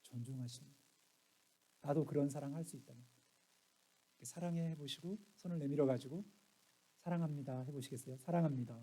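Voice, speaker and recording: A middle-aged man preaching a sermon as pastor, telling family stories and acting out quoted lines, swinging from soft asides to loud exclaims. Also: mid-range voice, fast, long pauses, breathy edge.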